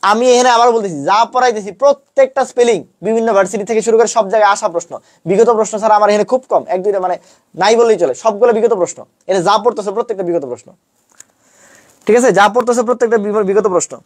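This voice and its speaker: A young man giving an online lesson, casual and teasing, often chanting memory rhymes slowly in a sing-song way. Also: high-pitched. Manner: chanting mnemonics; colloquial teasing. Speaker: teacher.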